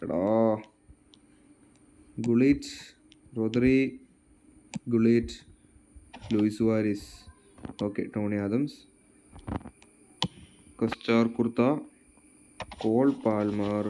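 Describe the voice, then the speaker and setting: A man's voice: fairly low pitch, steady tone, drawn-out words, long pauses, mellow, slight background noise. A man with a Malayali accent giving casual football game commentary, mixing English words and phrases into his Malayalam. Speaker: gaming YouTuber.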